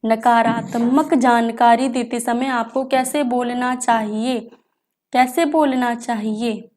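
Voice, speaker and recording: A woman teacher running an exam revision class. She reads each question slowly in English, then explains it quickly in Hindi, asking the class questions and answering them herself. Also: on the high side, steady tone, darkish tone.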